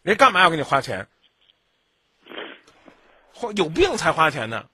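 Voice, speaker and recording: A man's voice: on the high side, huge pitch swings, moderate pace, bright, forceful tone, breathy edge, no echo, clean studio sound. A man hosting a late-night radio advice show, bluntly lecturing and scolding a caller. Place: radio studio.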